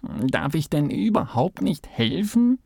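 An eager little mole bursting with impatience, as a man puts him on for a storybook reading. He talks higher than the reader's own voice and calls out loudly, with a bouncy, lively melody and very dry, close sound. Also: slow pace, creaky, dry recording, full character voice. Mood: impatient. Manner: excited, loud exclamations. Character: eager impatient male mole, small and excitable. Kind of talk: storybook read-aloud.

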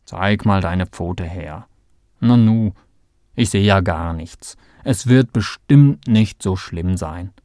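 A man voicing a calm, sensible male helper in a storybook reading, reassuring and firm. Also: on the low side, measured pace, dry recording, clean studio sound.

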